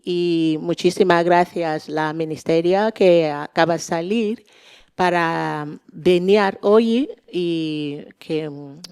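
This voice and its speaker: A woman with a Nigerian accent addresses a panel informally as a non-native Spanish speaker. Her delivery is unhurried and halting as she searches for words, while her voice stays smooth and clean. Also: fairly low pitch, darkish tone. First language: not Spanish.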